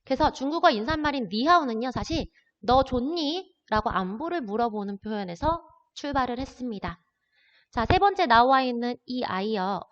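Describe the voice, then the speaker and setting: A woman's voice: a little high, lively intonation, normal speed. A woman teaching an introductory language lesson, explaining words patiently step by step. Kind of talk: recorded classroom lesson. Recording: dull lo-fi audio with long reverb.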